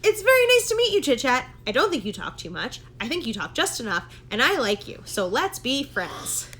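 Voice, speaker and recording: A woman's voice: high-pitched, sing-song, normal speed, fairly bright tone, slight background noise, pitched above the performer's own voice. A woman reading aloud, voicing a small, polite young male gosling who is friendly and eager.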